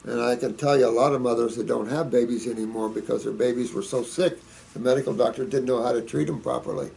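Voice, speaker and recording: Man, gravelly voice, mellow dark tone, folksy rambling advice, answering viewer questions. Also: mid-range voice, fairly even intonation, fast, slight background noise. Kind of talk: casual monologue answering read-out questions.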